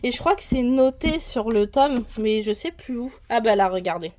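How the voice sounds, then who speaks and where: A woman's voice: fairly high pitch, expressive, moderate pace, a little mellow, slight background noise. A woman from France giving a casual, rambling tour of her manga collection, with frequent hesitations.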